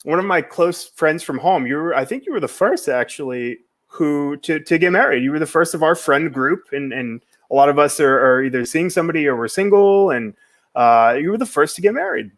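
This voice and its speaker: Young Boston host, friendly ribbing, a touch high-pitched. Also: male voice, animated, a little fast. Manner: friendly, joking banter. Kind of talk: casual chat. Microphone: video call.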